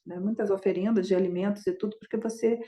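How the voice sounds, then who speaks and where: A woman voicing a friendly lay benefactor who greets a monk in a warm, chatty way. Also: medium pitch, fairly even intonation, fast talker, lightly acted.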